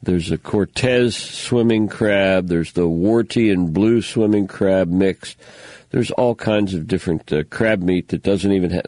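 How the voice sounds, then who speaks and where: Sounding congested, this older local radio host rambles in a relaxed, folksy style, peppering his casual on-air talk and news reading with fillers. His voice sits low and a little mellow, with no echo.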